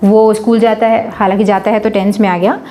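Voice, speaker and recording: In an echoey room with faint music behind her, a woman leads a beginners' English grammar lesson at a board. She patiently asks questions, supplies the answers, and speaks example sentences slowly, word by word. Her voice is mid-range and dark-toned, with little change in pitch.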